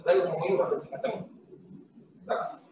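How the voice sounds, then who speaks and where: A male lecturer talks through a coding lesson in a relaxed, step-by-step way, leaning on little tag fillers. His voice rings with a huge cathedral-like echo and sounds set back from the mic. The audio is dull and muffled, like a laptop mic in an online class. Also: sits high, normal speed, far from the mic, slight background noise. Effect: heavy hall-like echo on the voice. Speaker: university lecturer.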